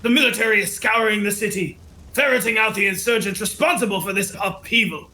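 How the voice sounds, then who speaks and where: A man's voice: high-pitched, bright, forceful tone, a little hiss or hum, full character voice. A man voicing a weary nobleman who gives a formal, grim status report in a tabletop game. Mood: grave. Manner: measured, formal.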